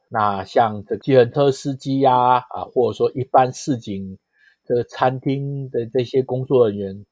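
A man's voice: medium pitch, a little mellow, no room sound, dull audio. A middle-aged man from Taiwan with a Taiwanese Mandarin accent, telling stories conversationally in an explanatory way, peppered with interjections. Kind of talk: conversational storytelling.

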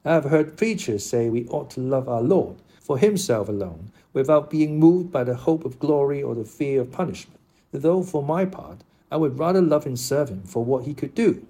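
A man's voice: mid-range voice, lively intonation, normal speed, warm tone, husky. A man doing the voice of a blunt, shrewd peasant squire in an audiobook, with a raised, altered tone. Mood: earthy. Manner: homely, blunt talk. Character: plain-spoken peasant squire, earthy and shrewd. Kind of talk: audiobook character reading.

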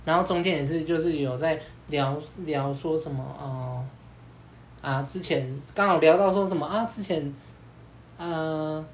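A podcast host tells a story in a casual, animated way, voicing both sides of the dialogue with lots of fillers. He speaks unhurriedly in a slightly high voice, with a little hiss or hum on the recording.

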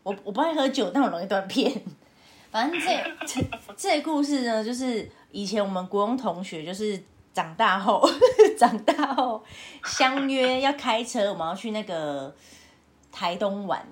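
A woman, hosting a podcast and telling a story in a casual, animated way, often laughing. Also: normal speed, a little hiss or hum. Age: 30s. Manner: animated, laughing, acts out her own past lines in a high voice. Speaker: podcast host. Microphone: home remote recording.

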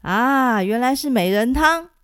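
A woman voicing a jovial old male beggar who loves fine food, talking in a hearty, boisterous way with loud laughs. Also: a little high, lively intonation, measured pace, clean tone, dry recording, studio quality.

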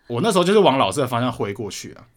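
Fast-talking young Taiwanese man. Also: mid-range voice. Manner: swears often, animated retelling. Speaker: podcast co-host. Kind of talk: casual chat, storytelling.

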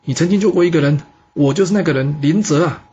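Brief: urgent loyal ancient guard, voice pushed high, put on by a male storyteller. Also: fast talker, warm tone, husky, highs cut off. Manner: urgent, calling out. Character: loyal male former beggar turned guard.

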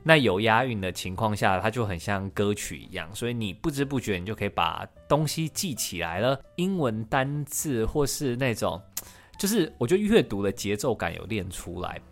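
Guy, low voice, podcast host telling his story, faint music under it. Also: very animated, normal speed. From Taiwan. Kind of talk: podcast interview.

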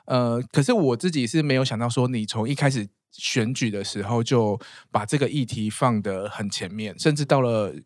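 A man hosting a podcast interview, asking quick follow-up questions in a teasing, laughing way. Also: medium pitch, darkish tone, no room sound, studio quality. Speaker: podcast host. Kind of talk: casual interview chat.

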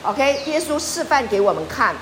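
A woman's voice: high voice, moderate pace, slight background noise. A woman pastor preaching a sermon, often asking her listeners questions. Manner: lively, asks the congregation questions.

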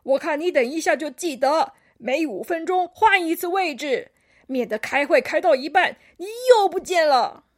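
A woman's voice: high-pitched, expressive, moderate pace. A woman voicing a grumpy, proud old male koala who scolds everyone, in a children's storybook. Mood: grumbling.

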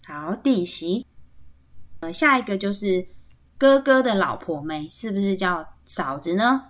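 A woman with a Taiwanese Mandarin accent teaches on a podcast in an unhurried, measured way. She spells each word out letter by letter and keeps checking in with her listeners. Her voice sits at an ordinary pitch for a woman. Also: lively intonation. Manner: spells words out letter by letter, patient and explanatory; frequent tag particles seeking agreement. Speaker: podcast host teaching Atayal kinship terms. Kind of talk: podcast language lesson.

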